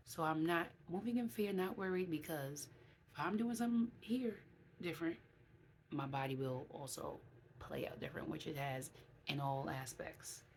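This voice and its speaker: Woman in her late thirties, low register, chatty vlogger working through her notes in a relaxed, offhand way. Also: gravelly, a little hiss or hum. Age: 30s. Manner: chatty, reads from her own notes with asides. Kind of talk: casual vlog update.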